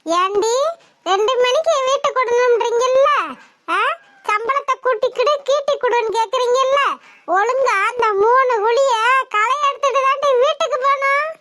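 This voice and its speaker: A woman's voice: extremely high pitch, normal speed, heavy background noise. A woman voicing a bossy, teasing old village grandmother in a cartoon, scolding and fond by turns. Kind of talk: cartoon voice acting.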